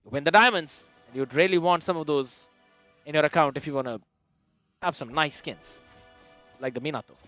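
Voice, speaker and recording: A man provides color commentary on a mobile esports match in a relaxed, slangy way. His voice is on the high side, with faint music playing underneath. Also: moderate pace, long pauses. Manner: casual, chatty analysis with slangy exclamations.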